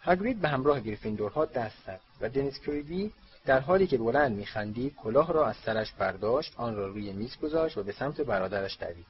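A man narrating a storybook audiobook in a steady reading voice, on a dull lo-fi recording. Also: mid-range voice, slight background noise.

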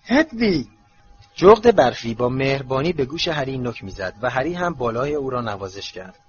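A man narrating an audiobook in an even, measured reading, in a slightly muffled recording with faint hiss. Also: mid-range voice, breathy edge, soft background music. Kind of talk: scripted narration.

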